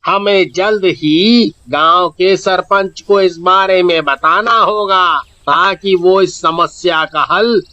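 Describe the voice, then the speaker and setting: A man's voice: high voice, fairly even intonation, takes it slowly, pushed and bright, dry recording, lo-fi sound, full character voice. A man playing a frightened village man in a cartoon story, anxious and gossipy.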